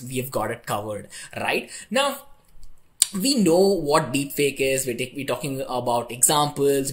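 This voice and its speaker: A young man teaching a tech tutorial in a chatty way, often checking in with "right?". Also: on the high side. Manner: conversational, ends points with "right?". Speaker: online instructor.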